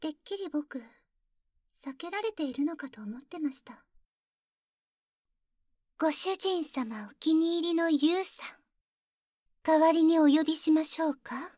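High, dry-voiced young maid, formal then sly, whispering at the ear, played by a woman. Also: dry recording. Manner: soft ear-close whispering; very formal, deferential speech with teasing jabs. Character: polite, jealous young maid who calls herself boku. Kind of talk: ASMR roleplay audio drama.

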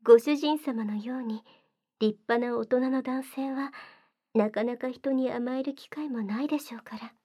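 A woman voicing a gentle, devoted young maid in an ASMR roleplay, speaking softly and very formally, often in a whisper. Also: a little high, moderate pace, lightly acted. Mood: coaxing. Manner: soft-spoken, very formal polite speech, often whispered.

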